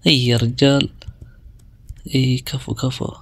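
A man's voice: medium pitch, little pitch movement, slight background noise. Chatty man narrating his gameplay. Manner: chatty, talks himself through moves with quick exclamations. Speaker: gaming video creator. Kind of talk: casual gameplay commentary.

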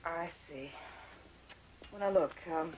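A middle-aged actress playing an earnest visitor from a recovery group in a 1970s TV movie, patient and hesitant. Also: female voice, fairly low pitch, takes it slowly, a little mellow, a little hiss or hum, poor audio.

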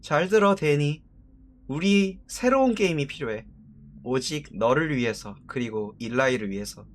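A man voicing a sinister unseen male tempter who coaxes a child in a low, slow, menacing tone while reading horror game subtitles. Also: lively intonation, natural voice. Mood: coaxing, sinister.

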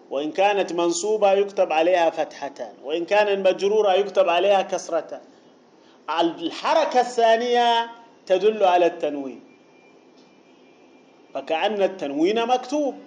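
Deliberate man teaching grammar. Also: high voice, darkish tone. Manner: deliberate, repeats key phrases and asks the listener questions. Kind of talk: classroom explanation of a grammar text. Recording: dull lo-fi recording.

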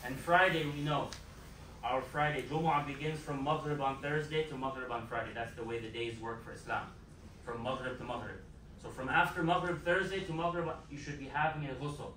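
A man's voice: mid-range voice, a little fast, pushed and bright, slight background noise. A man giving a Friday sermon as imam in a mosque, emphatic and repeating his key phrases. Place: mosque prayer hall. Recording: echoey hall, mic far off.

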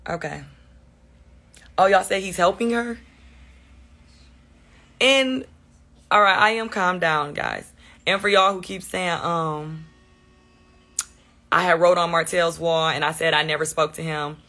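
A woman with a bright, forceful voice vents live on her phone, defensive and quick to sarcasm. She talks straight to her chat. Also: fairly low pitch, fairly even intonation. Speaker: livestreamer. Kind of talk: venting on a livestream.

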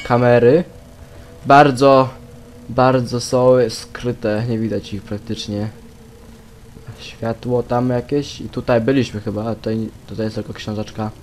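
A young man giving casual commentary over a stealth game he is playing, rambling to himself, swearing and sometimes bursting into loud shouts. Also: medium pitch, slight background noise. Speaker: let's play gamer.

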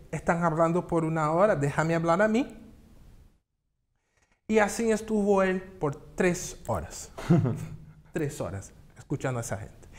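A studio guest on a TV set gives an interview in a high voice, speaking slowly and thoughtfully, halting and repeating himself.

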